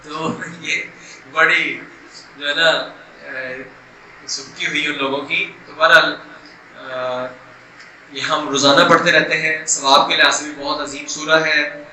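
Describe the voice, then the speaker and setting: High bright-voiced man teaching recitation. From Pakistan. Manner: stretches sounds slowly to demonstrate, then explains. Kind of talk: recitation lesson. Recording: echoey room, distant mic, faint noise.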